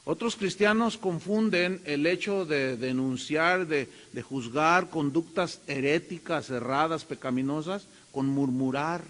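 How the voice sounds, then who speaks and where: A man's voice: on the high side, a little slow, hardly any pauses, fairly bright tone, big-room sound. A man with a Mexican accent preaching a sermon as a pastor, emphatic and full of rhetorical questions.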